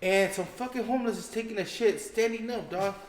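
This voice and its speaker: A young man hosts in loose, slangy chat, swearing and tossing out "dog" every few words. His voice sits high for a man. The room around him is noticeably echoey. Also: brisk, crowd noise. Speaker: podcast host. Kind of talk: casual chat.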